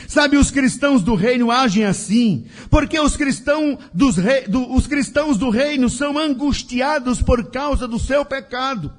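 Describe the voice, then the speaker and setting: A man preaching a sermon in a slow, emphatic style with a sing-song cadence. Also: very high-pitched.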